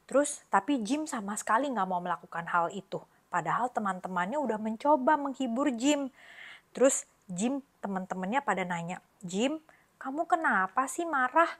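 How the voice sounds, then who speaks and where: A woman reading a picture book aloud to children, telling the story in an animated, expressive way and talking to her young listeners directly. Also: medium pitch, moderate pace.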